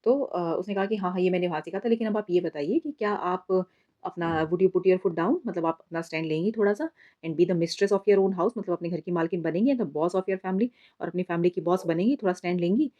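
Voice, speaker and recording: A woman teacher talks her students through an exam summary lesson in a patient, explanatory way. She mixes Hindi and English and keeps calling them "beta". Her voice sits a little low and sounds warm and relaxed, on a somewhat dull, lo-fi recording. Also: brisk.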